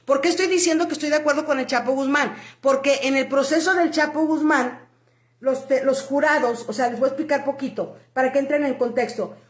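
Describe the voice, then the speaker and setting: A woman's voice: sits high, steady tone, a little fast, echoey room. A woman from Mexico giving an emphatic opinion monologue about immigration, full of rhetorical questions and fillers. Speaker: immigration commentator.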